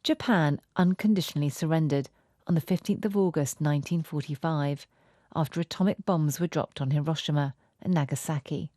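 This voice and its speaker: Low, mellow woman reporter. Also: fairly quick, no room sound, studio quality. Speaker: radio reporter. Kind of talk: scripted news feature narration.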